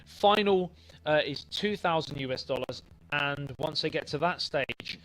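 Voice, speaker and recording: A man's voice: on the high side, a little slow, low-quality recording. A man commentating on a football video game tournament from a studio, giving play-by-play and lifting his voice on big plays. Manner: lively, rises on big plays. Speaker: esports commentator.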